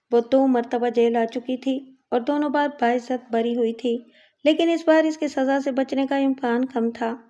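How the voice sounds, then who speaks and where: A woman narrating a story in a steady, measured way. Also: sits high.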